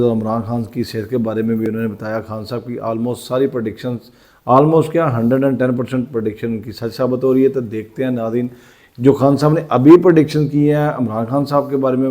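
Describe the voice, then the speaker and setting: A man's voice: mid-range voice, dark tone. Deferential Pakistani male interview host. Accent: Pakistani Urdu. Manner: deferential, frequent agreeing. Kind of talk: interview and show sign-off.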